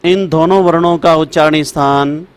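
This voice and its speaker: A man teaching Sanskrit to students, repeating rules slowly for dictation and calling his students brother and child. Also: a little high, steady tone, smooth. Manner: repetitive, chanting rules for dictation. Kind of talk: classroom lecture.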